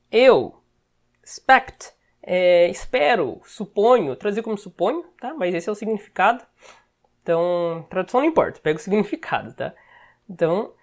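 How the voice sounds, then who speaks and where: A woman with a Brazilian Portuguese accent, teaching English by explaining film dialogue, checking in often with short tags and repeating words slowly to model them. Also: mid-range voice.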